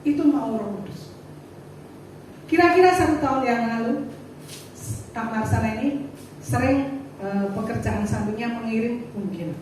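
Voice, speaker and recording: A woman giving a testimony at a church service, animated as she acts out conversations with her husband. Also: a little high, a little slow, long pauses. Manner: animated storytelling, acting out dialogue with her husband. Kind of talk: sermon testimony. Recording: echoey hall, distant mic, faint noise.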